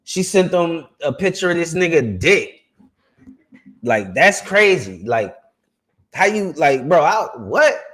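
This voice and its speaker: A South Carolina man hosts a reaction video, using loose slang and laughing easily in casual commentary. His voice is fairly high and fairly bright, with a sing-song lilt. He speaks slowly with long pauses.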